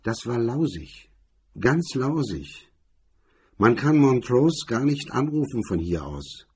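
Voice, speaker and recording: A man reading aloud, voicing a drunk, bullying cop with a rough, booming voice and barking contempt. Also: big pitch swings, takes it slowly, a little mellow, heavily acted. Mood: menacing.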